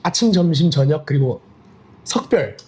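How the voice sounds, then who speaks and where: A young man, a podcast guest and former special forces soldier, telling army stories in casual chat, animated and laughing often. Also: on the high side, normal speed.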